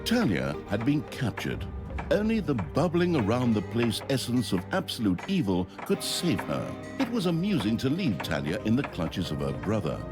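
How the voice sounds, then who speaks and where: A man's voice: mid-range voice, huge pitch swings, normal speed. A man playing a wry, pompous storyteller who narrates a fantasy game in a scripted, tongue-in-cheek style. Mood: wry, theatrical. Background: game music.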